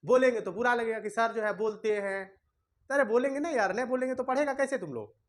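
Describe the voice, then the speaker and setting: A man's voice: very high voice, quick pace. Scolding male teacher. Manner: scolding, chatty, colloquial. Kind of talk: classroom lesson. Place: classroom with students.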